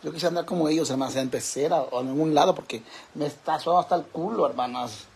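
This casual home vlog features a man with a Mexican Spanish accent, theatrical and campy, swearing freely and cooing at his pets beside his fish tanks. His quick voice is on the high side, a little mellow with a breathy edge.

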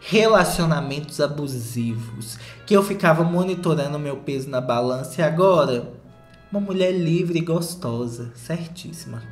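A man's voice: on the high side, expressive, moderate pace. Campy sarcastic man in an echoey room. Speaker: reality show recap vlogger. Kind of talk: casual gossip commentary. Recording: roomy echo, faint music.

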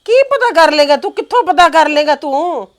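A sharp-tongued middle-aged mother, played by a woman, in a homemade family drama. Her voice sits high, and she talks with sarcasm and theatrical exclamations as she scolds her son. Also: animated, moderate pace. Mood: exasperated. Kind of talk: web drama acting.

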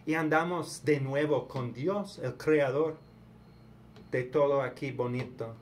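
A man from the United States giving a casual spoken sermon in a halting, preachy way, often repeating his words. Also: mid-range voice, slight background noise. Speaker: vlogger.

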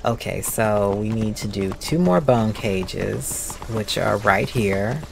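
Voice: mid-range voice, animated, slow pace, background noise. A gamer giving casual let's play commentary, with playful, sarcastic asides. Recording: commentary over clear game music.

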